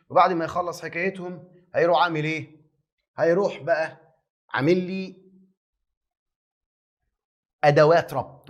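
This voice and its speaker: Fast, high-voiced Egyptian teacher. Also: male voice. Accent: Egyptian Arabic. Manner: lively, teasing, asks and answers his own questions. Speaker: English teacher. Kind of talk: exam review lesson.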